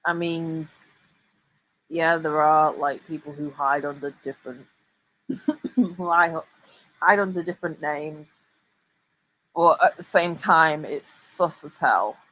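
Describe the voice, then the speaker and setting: Slow, sarcastic woman commentator. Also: sits low, fairly bright tone, rough recording. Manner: sarcastic, mocking asides. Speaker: reaction commentator. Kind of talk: casual reaction commentary.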